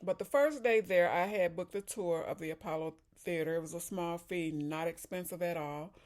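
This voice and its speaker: A woman's voice: lowish voice, normal speed, darkish tone. A woman from Chicago chatting casually in a vlog, talking while eating and sipping a drink. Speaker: vlogger. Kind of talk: casual chat.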